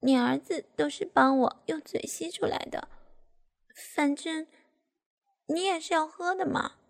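A woman's voice: high-pitched, unhurried, vocal fry, long reverb tail, voice pushed up. A woman voicing a coy young mother pleading with her father in a coaxing whine.

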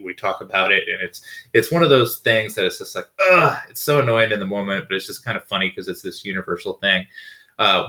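A man's voice: deep voice, sharp tone. A man, a dentist hosting his own podcast, telling work stories in a rambling, profane, dry way. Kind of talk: casual solo podcast chat.

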